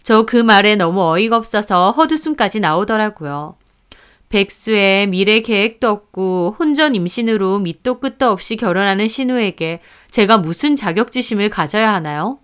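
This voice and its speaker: A woman narrating a scripted first-person story in a steady, indignant storytelling manner. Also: mid-range voice, normal speed, smooth.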